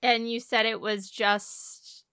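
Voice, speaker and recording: A woman's voice: fairly high pitch, little pitch movement, takes it slowly, bright, forceful tone, clean tone, no echo, clean studio sound. A young woman co-hosting a casual movie recap podcast, emphatic and jokey, often laughing into her lines. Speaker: podcast co-host.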